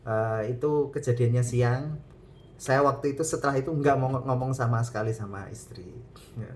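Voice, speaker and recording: A man's voice: mid-range voice, moderate pace, darkish tone, a little hiss or hum. A man telling a personal story in a casual, hesitant way, often restarting his sentences.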